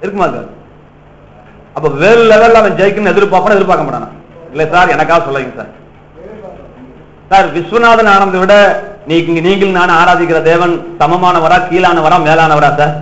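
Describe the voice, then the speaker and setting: A man's voice: high-pitched, moderate pace, pauses often, fairly bright tone, roomy sound, highs cut off. A male pastor preaching a sermon in a teasing, questioning manner, calling on the congregation for applause and amens.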